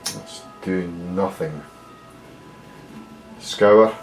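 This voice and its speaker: A Scottish man working through a casual workshop tutorial as a bass luthier, muttering wry jokes and swearing casually. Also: extremely slow, soft background music. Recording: echoey room.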